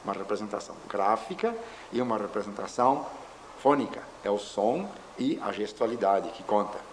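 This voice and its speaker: A man giving a measured lecture, explaining with examples. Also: lowish voice, animated, low-quality recording. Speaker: linguistics lecturer. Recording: faint background noise.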